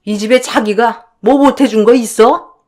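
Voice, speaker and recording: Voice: medium pitch, normal speed, darkish tone, pitched above the performer's own voice, natural voice. A woman voicing a haughty middle-aged mother-in-law who speaks with sneering contempt in a radio drama. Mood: disgusted.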